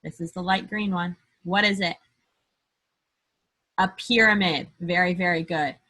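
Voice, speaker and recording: A woman teacher with a bright, clear-cut voice leads little children through a lesson. She speaks slowly and deliberately, as if to a toddler. She puts emphasis on key words and leaves pauses after simple questions. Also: fairly low pitch, fairly even intonation. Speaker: early-grade teacher. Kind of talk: remote math lesson for young children. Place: indoor room, screen-share lesson.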